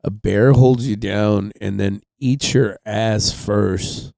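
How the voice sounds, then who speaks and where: A man's voice: lowish voice, fairly even intonation, takes it slowly, vocal fry, warm tone, no room sound, clean studio sound. A man telling a rambling, profane story on a casual podcast, full of fillers. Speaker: podcast host.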